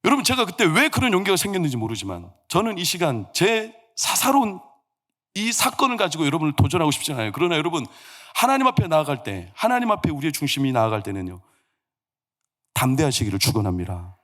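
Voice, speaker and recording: A man's voice: fairly high pitch, very animated, fast talker, fairly bright tone. A man, the senior pastor, preaching a sermon in a church sanctuary and telling stories with humor and acted quotes.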